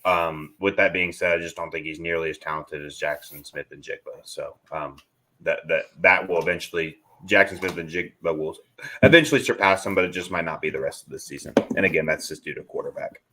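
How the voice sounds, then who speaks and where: Low-pitched, bright male co-host, rambling and self-correcting. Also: brisk. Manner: rambling, with repeated restarts and um's. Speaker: podcast co-host. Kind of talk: casual live Q&A chat.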